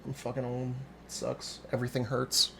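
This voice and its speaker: Gravelly, profane man in his forties. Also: mid-range voice, completely flat delivery, moderate pace, a bit bright, a little hiss or hum. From Cincinnati area, USA. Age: 40s. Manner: rambling, profane, self-deprecating. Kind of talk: casual chat.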